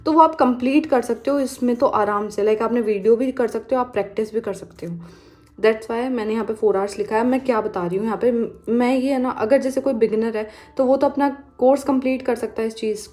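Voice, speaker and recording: A woman's voice: fairly high pitch, darkish tone. A young woman vlogger giving casual exam study advice, chatty and mixing English phrases into her talk.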